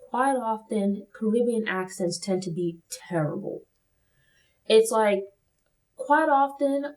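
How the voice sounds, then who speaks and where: A woman's voice: medium pitch, darkish tone, rough recording. A woman from Brooklyn, New York, hosting a casual film review, talking in a thoughtful way that qualifies her points with frequent "like" and "you know".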